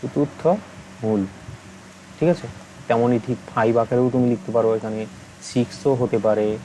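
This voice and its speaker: A young man teaching an online maths lesson, patient and steady, checking in with the listener again and again. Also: medium pitch, moderate pace, slight background noise, rough recording. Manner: patient, asks many check-in questions.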